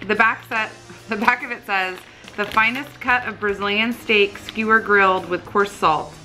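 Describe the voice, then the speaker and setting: A woman in her thirties chats casually as a taste-test vlogger. Her pitch sits in the middle, and music plays behind her. The sound is that of a camera held close in a living room. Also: steady tone, normal speed, sharp tone, rough recording. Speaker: vlog host doing a taste test. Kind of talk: casual chat. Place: living room couch, indoors. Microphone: camera at arm's length.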